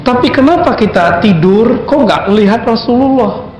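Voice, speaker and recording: A man preaching a sermon in a lively, conversational way, often putting questions to his audience. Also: extremely high pitch, moderate pace, roomy sound, dull audio, soft background music. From Indonesia.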